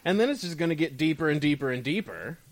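A man's voice: fairly high pitch, lively intonation, quick pace, dry recording. A man co-hosting a podcast, chatting casually with jokes and plenty of swearing. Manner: joking, profane, rambling. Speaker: podcast co-host. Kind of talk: casual comedic chat.

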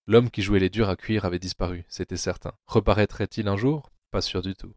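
A man narrating a dark audio drama adaptation in a measured, grim storytelling manner. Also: low voice, steady tone, no echo, studio quality.

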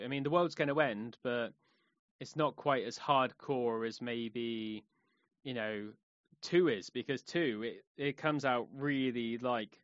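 A man's voice: medium pitch, fairly bright tone, no room sound. Rambling man, solo podcast. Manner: rambling, many fillers and restarts. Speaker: podcast host. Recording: dry, dull lo-fi home recording.

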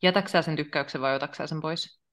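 A young woman co-hosting a podcast, chatting casually in a lively way and laughing often. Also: low voice. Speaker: podcast co-host. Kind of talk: casual chat.

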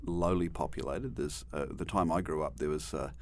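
An interview guest from New Zealand, middle-aged and Kiwi-accented, speaks at normal speed in an extremely low voice. He tells stories conversationally, wandering off track, restarting often and dropping dry jokes.

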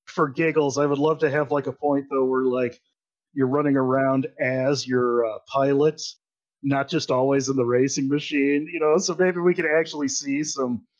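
A man's voice: mid-range voice, dull audio. A man co-hosting a casual gaming podcast, rambling with lots of fillers and frequent laughs. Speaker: podcast co-host. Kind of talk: casual chat.

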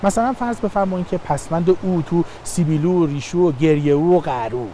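A man's voice: a little high, dark tone, a little hiss or hum. A man who is a linguist, explaining speech forms with examples in a documentary interview.

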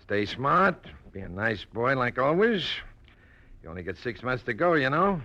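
An actor playing a gruff, nagging male prison guard in a radio drama, curt and slangy. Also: medium pitch, big pitch swings, moderate pace, bright, forceful tone, highs cut off. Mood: warning. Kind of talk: old-time radio drama acting. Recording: old radio recording with faint noise.

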